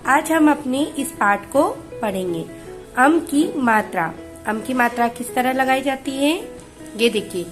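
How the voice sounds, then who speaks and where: A woman teaching a recorded lesson to small children, patiently asking and answering her own questions and stretching out each word before repeating it. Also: fairly high pitch. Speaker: kindergarten Hindi teacher.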